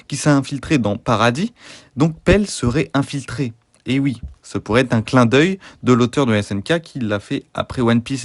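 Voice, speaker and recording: A man in the middle of the male pitch range hosts a tongue-in-cheek theory video. He delivers his analysis with an over-earnest, deadpan seriousness and keeps stopping to hesitate. The recording is dry and close, with no room sound. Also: no echo. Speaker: YouTube host.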